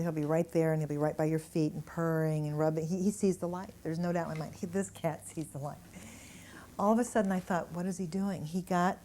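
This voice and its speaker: A woman speaking to a gathered audience in an indoor room, sharing healing stories in an animated, chuckling way. Her voice sits somewhat low and sounds mellow and warm. The tone is that of a workshop talk mixing anecdotes with demonstration. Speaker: energy healer giving a workshop talk.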